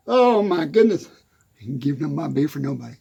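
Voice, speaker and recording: A man's voice: fairly high pitch, big pitch swings, moderate pace, gravelly, breathy edge, exaggerated voice. A man doing a giggly Texan redneck. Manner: constant giggling, folksy rural grammar. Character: giggly good-ol'-boy Texas redneck man. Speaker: comedic country character. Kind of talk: rambling comic monologue.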